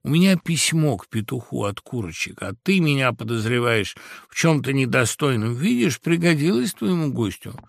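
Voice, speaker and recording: A man voicing a crafty, flattering female fox in a storybook reading, sweet-talking and theatrical. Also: medium pitch, normal speed, gravelly, dry recording, voice pushed up. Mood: sly flattery. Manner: sweet, theatrical, falsely gushing.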